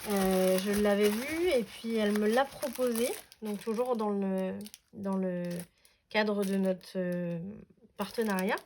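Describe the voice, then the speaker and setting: A woman's voice: mid-range voice, slow pace, darkish tone. A woman chatting casually as she unboxes scrapbooking paper, enthusiastic and full of fillers. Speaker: scrapbooking vlogger. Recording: noisy room with paper crinkling.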